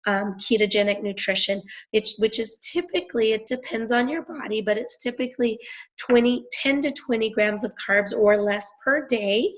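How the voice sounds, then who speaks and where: A young woman with a hoarse, raspy voice, chatting enthusiastically with lots of fillers as she hosts a conference call. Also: a little high, normal speed. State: hoarse, clearing throat. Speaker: independent promoter hosting a conference call. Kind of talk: casual phone-call presentation. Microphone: phone or conference line. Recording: dull lo-fi conference call audio.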